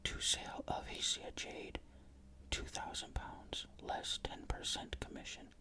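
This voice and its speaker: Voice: measured pace, sharp tone. Whispered ghost story narration. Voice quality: unvoiced, breathy whisper.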